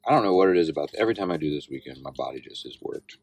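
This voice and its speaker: A very deep-voiced man in his forties, tired and sore, rambles in a laid-back, self-deprecating way while recording a casual outdoor video diary. He's a vlogger and amateur cyclocross racer, and his delivery is animated and rapid-fire, with loud music playing behind him.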